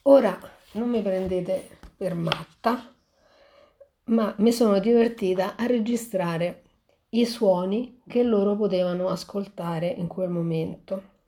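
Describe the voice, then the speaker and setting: A woman reading a fairy tale aloud and pausing to reflect on it, talking in a halting way with frequent restarts. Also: mid-range voice, mellow. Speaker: storyteller.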